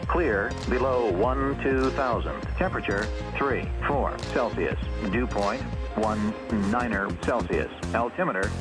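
A man's voice reading an automated airport weather report over the radio, saying each number slowly and evenly. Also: lowish voice, rough recording. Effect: automated weather broadcast over the radio.

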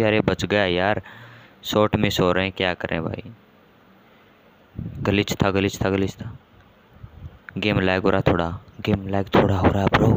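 A man hosting a gaming channel, giving casual commentary on a match with excitable, self-mocking banter and lots of repeated exclamations. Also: low-pitched, slight background noise. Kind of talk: casual live game commentary.

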